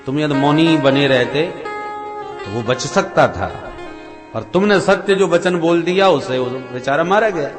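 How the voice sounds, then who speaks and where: A male preacher at a devotional scripture reading, with a fairly high voice that swings dramatically up and down as he tells the story. Instrumental music plays clearly under his words. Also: lively intonation, a little slow. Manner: dramatic storytelling with sweeping rises and falls.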